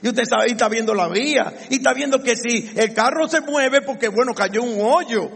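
Pastor guy preaching in a church, really high voice, gravelly, big hall echo. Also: moderate pace. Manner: animated preaching, acting out quoted voices. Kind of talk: sermon.

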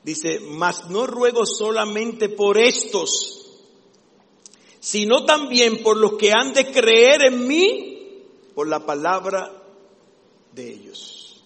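A man's voice: sits high, expressive, very slow, creaky, pauses often, a bit bright. A man preaching a sermon with fervent, emphatic delivery. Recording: long echo of a large hall.

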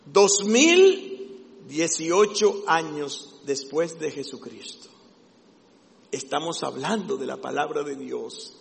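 Fervent high-voiced male preacher, gravelly. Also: animated, takes it slowly. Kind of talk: sermon. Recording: long echo of a large hall.

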